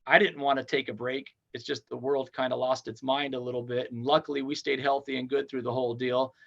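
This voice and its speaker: As a podcast guest, a touring band's frontman in his forties keeps up an upbeat, wandering conversation, talking fast and at length. He has a mid-range voice with vocal fry and not much pitch variation. The recording sounds muffled.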